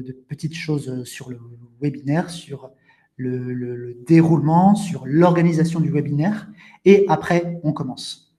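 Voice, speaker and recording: A man hosting a live online language webinar, explaining things slowly with frequent restatements and talking to viewers in the chat. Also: fairly high pitch, mellow. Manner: interactive, addresses viewers in the chat. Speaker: French teacher hosting a webinar.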